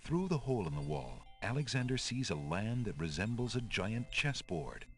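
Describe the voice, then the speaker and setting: An actor playing a wry, dramatic storybook-style narrator in a fantasy adventure game. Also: male voice, on the low side, very animated, moderate pace, slightly rough, full character voice. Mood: wry, theatrical. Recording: game audio with music underneath. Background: game music.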